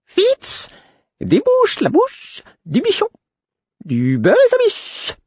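A man voicing a strange pale male jester with a high, fluting voice who chants a sing-song riddle. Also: wildly swooping pitch, slow pace, dry recording, muffled recording, exaggerated voice. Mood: chanting.

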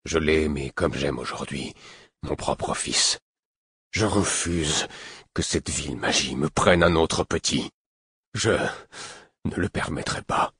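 A man reading the part of a stern, proud older man with a hoarse, guttural voice, speaking gravely and with restraint. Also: rumbling low, fairly even intonation, a little slow, a bit bright, no room sound, heavily acted. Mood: grave restrained.

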